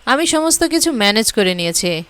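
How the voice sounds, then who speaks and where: A woman's voice: on the high side, big pitch swings, a little fast, fairly bright tone, clean tone. A woman voicing a proud, impatient mother in a spoken story, curt and dismissive.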